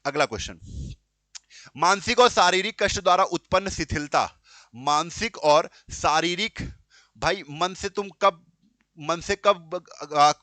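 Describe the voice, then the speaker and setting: Bright, forceful male teacher quizzing students. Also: high-pitched, lively intonation, measured pace, dry recording. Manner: quizzes students and answers himself, repeating key terms; addresses students as bachche and beta. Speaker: exam-prep teacher. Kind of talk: classroom lecture.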